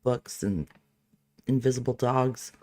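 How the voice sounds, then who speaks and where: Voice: medium pitch, slow pace, a little mellow. A host mocking a played clip in casual, sarcastic reaction commentary, swearing now and then.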